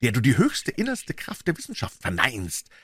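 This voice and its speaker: A man's voice: mid-range voice, huge pitch swings, moderate pace, pushed and bright, slightly rough, no room sound, studio quality, pitched above the performer's own voice, full character voice. A man voicing a sinister, feverish male visitor who tempts and commands in urgent, theatrical declamation. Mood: frenzied.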